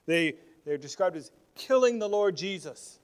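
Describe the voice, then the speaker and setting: A pastor preaching a sermon, earnest, often repeating words as he restarts, moving between loud stressed phrases and quiet asides. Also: sits high, animated, unhurried.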